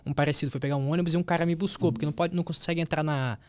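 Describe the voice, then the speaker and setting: A young adult man with a Brazilian Portuguese accent, a podcast guest telling a travel story in casual chat and lively acting out the people in it. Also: fairly high pitch, rapid-fire. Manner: lively, acts out voices of people in his stories.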